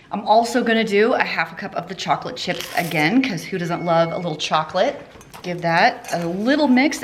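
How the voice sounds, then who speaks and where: A woman's voice: mid-range voice, a bit bright, slight background noise. Chatty woman cooking in her kitchen. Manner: chatty, upbeat, laughs while talking. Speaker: cooking vlogger. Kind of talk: casual cooking vlog. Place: home kitchen.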